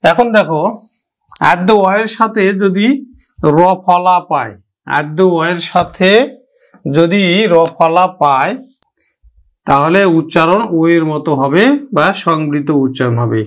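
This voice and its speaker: A man teaching a pronunciation lesson, drawing words out syllable by syllable and repeating them. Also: on the high side. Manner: slow, drawn-out syllable-by-syllable modelling, repeating words. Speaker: language teacher. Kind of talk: slow classroom pronunciation lesson.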